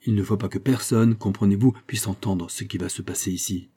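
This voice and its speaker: A man's voice: lowish voice, fairly even intonation, fairly quick, warm tone, husky. A man voicing a commanding minister who speaks curtly and menacingly. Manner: curt and menacing. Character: commanding minister, harsh and threatening.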